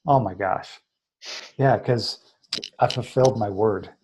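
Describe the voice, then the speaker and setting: A man's voice: lowish voice, slow, a little mellow, breathy edge. A man guesting on an interview show, earnestly telling his story and acting out the voices of people he quotes. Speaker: interview guest, treatment center founder.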